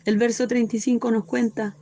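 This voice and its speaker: High, gravelly-voiced woman preaching scripture. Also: little pitch movement, brisk, warm tone, soft background music. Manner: fervent, often asks "cierto?" and breaks into praise. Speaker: Bible study teacher. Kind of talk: Bible study sermon, reading and explaining scripture.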